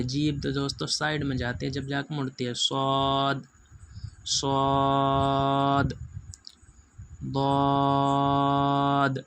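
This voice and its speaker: A man teaching beginner Quran reading, drawing out each letter sound slowly and patiently, repeating and correcting common mistakes. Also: mid-range voice, a bit bright, a little hiss or hum. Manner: patient, repetitive, drawn-out letter sounds, keeps saying "friends". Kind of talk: letter-by-letter pronunciation lesson.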